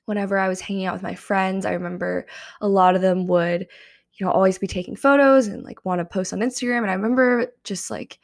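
A young adult woman talks casually on her solo podcast, her medium-pitched voice quick, fairly even in intonation and touched with vocal fry. She says um often, and her voice is slightly strained after karaoke.

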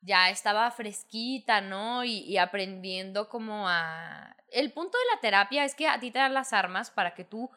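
A woman's voice: medium pitch, moderate pace, hardly any pauses, pushed and bright. A young woman with a Mexican accent, chatting casually and telling a personal story full of slang, acting out quoted lines. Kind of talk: casual chat.

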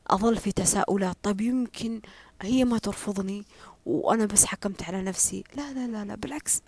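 A young woman talks through a personal reflection. She speaks quickly and with feeling, often sinking into breathy whispers. The recording is dry, with no room sound. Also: medium pitch, darkish tone, dry recording. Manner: emotional, emphatic, drops to breathy whispers.

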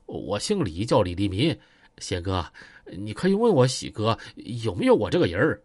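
A man's voice: on the low side, big pitch swings, normal speed, a little mellow, husky, dry recording, pitched below the performer's own voice, exaggerated voice. A man voicing a cautious, polite ex-con who talks in a pleading, deferential way, with a Northeastern Chinese accent.

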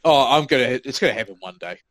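A man's voice: mid-range voice, lively intonation, fast talker, a bit bright, no room sound, poor audio. A man co-hosting a podcast, telling work stories in casual chat, swearing freely and acting out what people said. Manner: swears freely, acts out quoted remarks. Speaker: podcast co-host.

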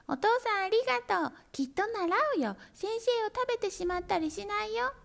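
Woman voicing boisterous little kittens, very high, quick, shrill shouting, storybook voice. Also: animated, vocal fry, full character voice. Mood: gleeful. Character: clever greedy kittens, small and boisterous. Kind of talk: storybook reading.

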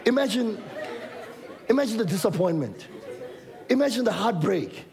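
High, gravelly South African preacher man. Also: normal speed, crowd noise. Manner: lively storytelling preacher, repeats words for emphasis. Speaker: pastor. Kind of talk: sermon.

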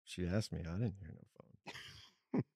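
A man's voice: deep voice, moderate pace, creaky, dark tone, husky, no echo, studio quality. A man hosting a podcast in casual chat, with crude, teasing, slangy banter. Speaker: podcast host.

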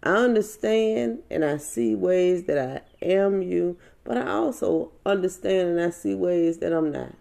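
A woman hosting a podcast, speaking a heartfelt spiritual monologue with slow, drawn-out phrasing. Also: fairly low pitch, creaky, warm tone. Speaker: podcast host.

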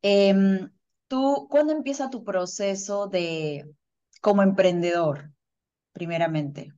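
A woman's voice: mid-range voice, slow, dark tone, muffled recording. Upbeat woman hosting a podcast. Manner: upbeat, welcoming. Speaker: podcast host.

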